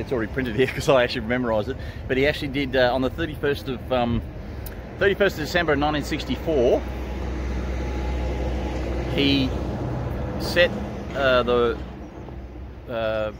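A middle-aged man with an Australian accent talks loosely to a handheld camera, stopping and restarting his sentences with plenty of ums. He is outdoors on a country town street, with faint traffic and ambient noise behind him. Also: mid-range voice. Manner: rambling, with many ums and restarts. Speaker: vlogger. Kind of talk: casual road-trip vlog. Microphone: handheld camera at arm's length.

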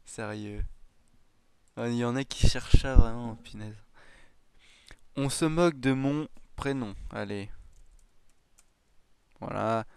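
A man's voice: medium pitch, slow pace, gravelly, pauses often, darkish tone, clear, resonant tone, no room sound. A man giving casual let's-play commentary, thinking aloud with hesitant, self-mocking remarks and frequent chuckles. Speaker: gaming YouTuber.

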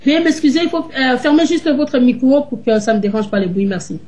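A woman's voice: high-pitched, expressive, a little fast, darkish tone. Emphatic woman preaching on a video call. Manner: emphatic, rhetorical questions. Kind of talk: sermon-like teaching on a video call. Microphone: video call webcam.

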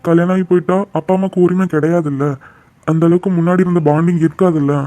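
A man voicing a crying father, quick and mellow. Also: high voice, steady tone, natural voice. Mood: grieving. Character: grieving loving father, emotional. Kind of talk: cartoon voice acting.

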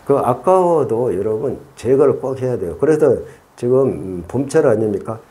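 A man's voice: mid-range voice, animated, normal speed, warm tone. A middle-aged man hosting a casual hands-on gardening tutorial, chatty and repeating himself as he thinks aloud. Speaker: orchid-growing channel host.

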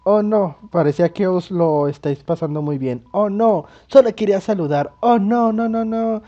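A man's voice: high voice, moderate pace, mellow, dull audio, lightly acted. A man reading as a shy, timid male ghost from a video game. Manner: hesitant, apologetic, reading game text.

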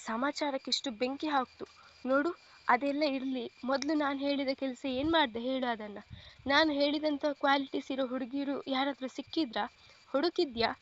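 A pushy, impatient young man firing off blunt demands in an audio story, as a woman reader puts him on. The pitch stays high, and the sound is dull and lo-fi. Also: moderate pace, slight background noise, lightly acted. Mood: demanding.

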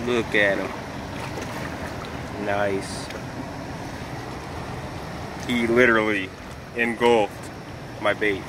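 A fishing vlogger chats casually to his viewers at night on a rocky riverbank while handling a fish, filmed on a handheld phone with background noise. His voice is on the low side, and he speaks in a relaxed way, drawing out words and leaving long pauses.

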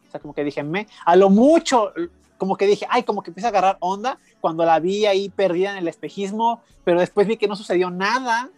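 A man co-hosting a casual show review, chatty and gossipy, quick to agree. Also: high voice, a little mellow, no room sound, faint music behind. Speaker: co-host reviewing a reality show. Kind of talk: casual chat.

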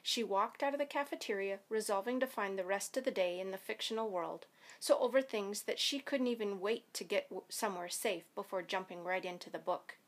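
Expressive woman teacher reading aloud. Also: medium pitch, fairly quick. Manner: lively, expressive storytelling. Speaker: elementary school teacher. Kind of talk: reading a children's novel aloud.

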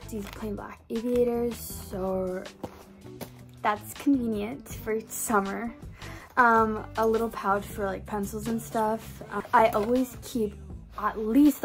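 A young woman, a college student, chatting casually to her phone camera in a small dorm room, breezy and full of fillers. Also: medium pitch. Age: young adult. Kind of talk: casual vlog talk to camera. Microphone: phone camera at arm's length.

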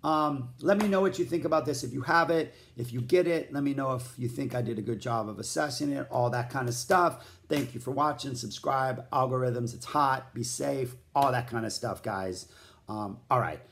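A man's voice: mid-range voice, normal speed, vocal fry, a bit bright. A man giving a casual spoken album review, rambling and enthusiastic, with lots of "like" fillers, scatting riffs aloud and mentioning he feels hot. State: feeling hot. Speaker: music vlogger reviewing albums.

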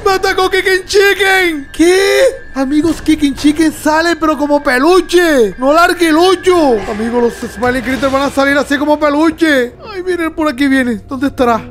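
A man doing let's-play commentary, talking to his viewers excitedly and yelping and laughing at the scares. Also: extremely high pitch, normal speed, few pauses. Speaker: gamer. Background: game music.

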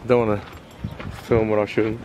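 An Australian man, a native English speaker, chatting casually for a vlog, outdoors on a handheld camera, in English and sometimes halting Spanish. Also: lowish voice, level tone, background noise. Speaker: vlogger. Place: outdoors on a hillside path. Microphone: handheld camera mic, close.

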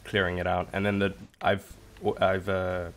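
Groggy deep-voiced man rambling over gameplay. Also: monotone, measured pace, a bit bright. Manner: rambling, many fillers and restarts. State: groggy morning voice. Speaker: gaming channel host. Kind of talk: casual gameplay commentary.

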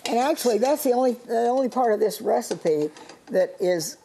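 Older female TV cooking host, encouraging, high and mellow voice, studio kitchen, lapel mic. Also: expressive, creaky, slight background noise. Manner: chatty, encouraging, quick interjections. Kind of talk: casual cooking show chat.

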